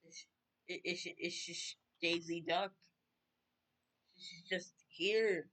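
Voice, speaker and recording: A commentator talks over a video in a slow, unhurried way with a bright, forceful voice. The remarks are baffled and sarcastic, full of questions about what is on screen. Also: medium pitch, fairly even intonation.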